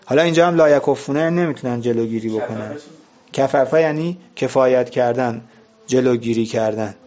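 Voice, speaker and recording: A man's voice: mid-range voice, a little mellow, dull audio. A man teaching a vocabulary lesson, explaining words one by one and asking and answering his own questions.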